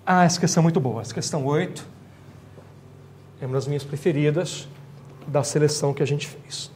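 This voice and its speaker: A man's voice: on the high side, a little fast, darkish tone, a little hiss or hum. A man teaching an exam-prep grammar lecture, explaining step by step and often checking in with the class. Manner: explanatory, checks in with tag questions.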